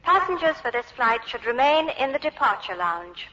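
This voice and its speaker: Formal adult airport announcer, measured delivery, long echo, muffled course recording. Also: female voice, on the high side, sing-song, pushed and bright. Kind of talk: scripted public address announcements. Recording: muffled echoey hall.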